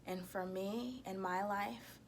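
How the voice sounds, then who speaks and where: A woman giving a reflective self-help monologue to viewers, speaking in a deliberate, halting way with emphatic repetition. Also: medium pitch, steady tone, slight background noise.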